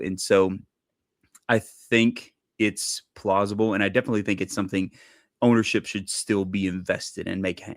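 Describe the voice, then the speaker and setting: A man's voice: fairly low pitch, no room sound, studio quality. A man co-hosting a sports podcast, chatting casually and rambling with lots of fillers. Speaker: podcast co-host. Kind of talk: casual chat.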